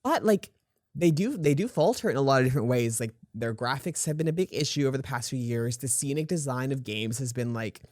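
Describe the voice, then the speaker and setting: A young man co-hosting a casual podcast. His mid-range voice is easygoing, and he often pauses on "um" while he gathers his thoughts. The sound is dry and close. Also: medium pitch, dry recording. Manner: relaxed, frequent "um" fillers, laughs easily. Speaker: podcast co-host. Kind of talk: casual chat.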